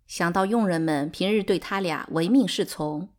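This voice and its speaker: A woman reading a novel aloud in calm, expressive narration. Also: lowish voice, normal speed. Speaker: audiobook narrator. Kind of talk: scripted narration.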